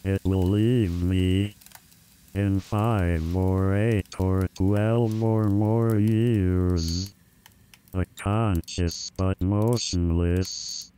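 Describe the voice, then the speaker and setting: Very slow, deep, smooth male reader. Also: warm tone. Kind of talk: scripted reading of a personal essay.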